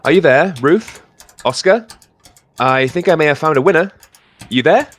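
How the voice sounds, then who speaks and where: A man's voice: on the high side, lively intonation, normal speed. A man playing a chatty, sarcastic lone space explorer who talks to himself in a science fiction audio drama. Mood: eager, playful.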